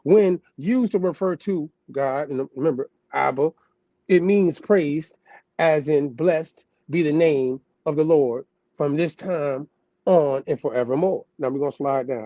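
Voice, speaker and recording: A man with a mellow, rounded voice talks in an easygoing, slangy way and breaks into stretches of reading aloud. He keeps turning to his listener with casual asides. The recording is dull and lo-fi, with a dry, close sound. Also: mid-range voice, fairly even intonation, brisk, dry recording. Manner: loose slangy asides, calling the listener "God".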